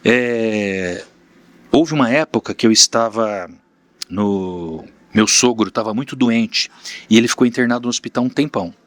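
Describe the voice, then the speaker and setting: A man's voice: fairly low pitch, moderate pace, fairly bright tone, dry recording. A man from Brazil, a podcast guest and mentor, telling candid stories of his businesses in casual interview talk. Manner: storytelling, plain-spoken, candid.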